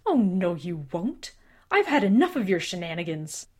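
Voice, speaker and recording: A woman voicing a furious older father who shouts and demands answers in a raised, strained voice. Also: on the low side, very animated, moderate pace, slightly rough. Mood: angry.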